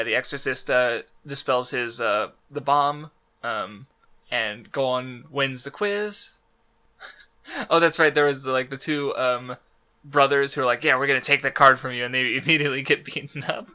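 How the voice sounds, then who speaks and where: A man's voice: medium pitch, sharp tone. A man co-hosting a podcast in casual chat, rambling through fillers and restarts and laughing often. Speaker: podcast co-host.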